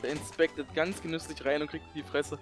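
A man's voice: fairly high pitch, level tone, a little fast. A young man on gaming voice chat, making casual callouts and complaining in a whiny, exasperated way. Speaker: gamer on team voice chat. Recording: loud game music behind voice. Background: video game music and sounds.

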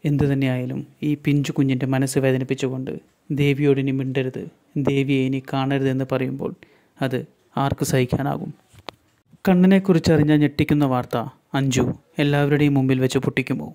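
A man's voice: mid-range voice, level tone, fairly quick, mellow. A man narrating a retelling of a TV serial episode in a dramatic storytelling manner.

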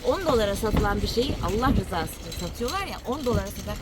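Lively-voiced woman chatting in a vlog. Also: mid-range voice, quick pace, a loud crowd. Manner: chatty, teasing, coos to the dog. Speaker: vlogger mother living abroad. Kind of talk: casual family vlog chat.

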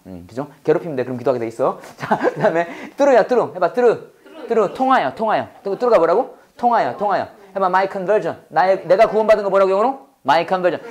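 A man with a voice on the high side teaches a Bible English class, leading call-and-repeat drills and quizzing his students. He's animated and chatty, laughing often.

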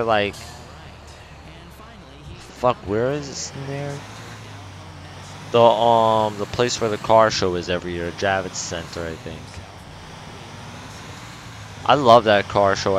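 A young man chats loosely over his gameplay. He swears a lot and drifts from thought to thought in street slang. His voice sits a bit low, with faint background noise. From New York. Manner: slangy, profane, rambling. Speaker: let's play gamer. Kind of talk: casual gameplay commentary. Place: at home.

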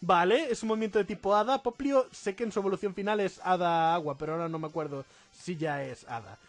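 A man's voice: sits high, fast. A man giving joking let's play commentary, often breaking into laughter. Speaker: gaming YouTuber.

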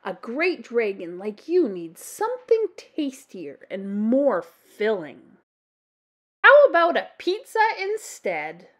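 Woman voicing a small hooting owl knight, high-pitched. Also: huge pitch swings, slow, full character voice. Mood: nervous, brave. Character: small brave but timid young male owl knight.

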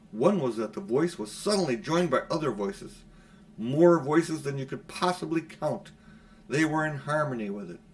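This middle-aged man's voice sits on the high side with some vocal fry. He's an audiobook reader voicing a children's storybook, recorded indoors in a small furnished room at his home.

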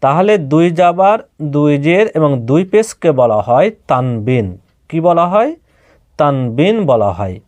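Male teacher, Bangladeshi Bengali accent; slow, patient, drills syllables; slightly raised pitch. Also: sing-song, a little mellow. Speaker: Quran reading teacher. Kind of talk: slow step-by-step lesson.

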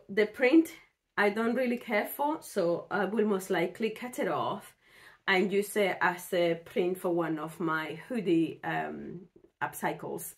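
A woman sewing vlogger, hoarse from a cold, chatting casually about her projects in a rambling way with fillers and restarts. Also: lowish voice. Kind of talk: casual chat.

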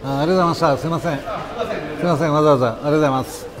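A man's voice: fairly high pitch, fairly even intonation, racing, a crowd in the background. A man working as a chef, talking casually but politely with customers and staff in an exacting, explanatory way. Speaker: sushi chef and restaurant owner. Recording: clear kitchen and restaurant background noise.

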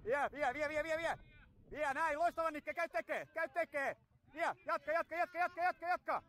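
A man coaching a youth football team from the sideline outdoors, loudly calling encouragement and instructions to his players. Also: very high-pitched. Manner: loud, rapid encouragement and instructions.

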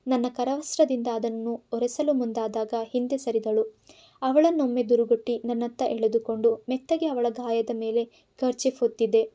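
Audiobook narrator, woman, measured literary reading, very mellow and somewhat high. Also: fairly even intonation. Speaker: story narrator.

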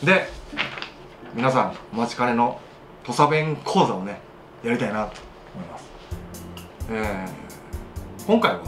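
A man with a Kochi Tosa accent hosting a casual solo radio talk, chatty and self-mocking as he demonstrates dialect phrases. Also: mid-range voice. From Kochi, Japan. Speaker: radio show host, voice actor.

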